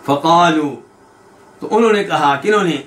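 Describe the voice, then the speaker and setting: A man teaching a hadith lesson. He quizzes his listeners with quick questions, and he recites quoted lines slowly before explaining them. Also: on the high side, a crowd in the background. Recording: echoey room.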